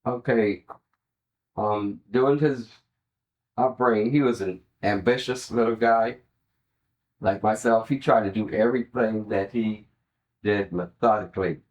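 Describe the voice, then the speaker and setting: A man's voice: on the low side, fairly even intonation, measured pace, long pauses, a little mellow, lo-fi sound. A man giving an oral history interview, sharing recollections as an interviewee.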